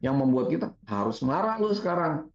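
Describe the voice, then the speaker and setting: A man, a spiritual teacher explaining ideas in a relaxed, chatty way and laughing often. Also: on the high side, a little fast. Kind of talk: casual conversational teaching. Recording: roomy, slightly dull recording.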